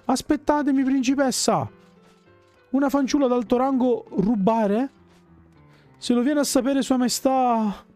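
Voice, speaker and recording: Fussy middle-aged knight, shrill and frantic, performed by a man for a game playthrough. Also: a little slow, long pauses, a little mellow, faint music behind.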